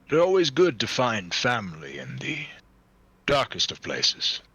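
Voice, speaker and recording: A man voicing a solemn, formal male leader in a tabletop role-play, speaking in a measured, courteous way. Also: medium pitch, wildly swooping pitch, pushed and bright, breathy edge, no echo, exaggerated voice.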